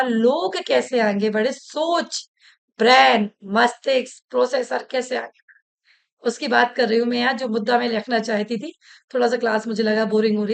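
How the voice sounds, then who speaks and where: A woman's voice: fairly high pitch, vocal fry. A woman teacher giving an online class lecture, chatty, telling anecdotes and often restarting her sentences.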